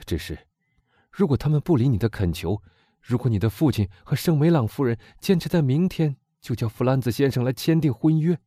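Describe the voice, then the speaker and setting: Fervent young lover guy, read by a man, urgent and pleading, husky low voice that swings all over. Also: lively intonation, a little fast, warm tone, dry recording, studio quality, close to an everyday voice. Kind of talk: audiobook character reading.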